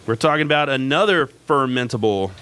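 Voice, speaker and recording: Bright, crisp-voiced male radio host. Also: medium pitch, lively intonation, a little fast. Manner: chatty, self-mocking, frequent fillers. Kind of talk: casual live radio talk. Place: pub, live show.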